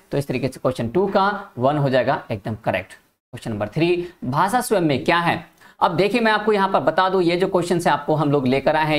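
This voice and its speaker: A man teaching an exam-prep lecture, reading out questions and options and coaxing his students with quick questions to answer. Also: on the high side. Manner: animated, asks students questions and coaxes them.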